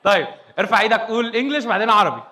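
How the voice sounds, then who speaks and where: A young man with an Egyptian Arabic accent teaching English in a lively, playful way to a live audience, laughing often as he quizzes them. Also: high voice, rapid-fire. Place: youth hall with a live audience.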